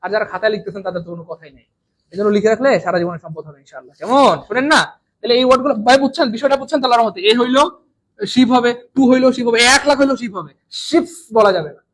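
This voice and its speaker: A man with a Bangladeshi Bengali accent teaching an English exam lesson live online, repeating and drilling words and swinging between loud and soft. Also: very high-pitched, very fast, rough recording.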